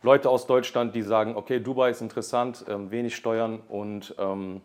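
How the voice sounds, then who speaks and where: A German real estate agent in his thirties appears as a podcast guest, talking casually with many fillers and restarts. His lowish voice moves at normal speed with fairly even intonation.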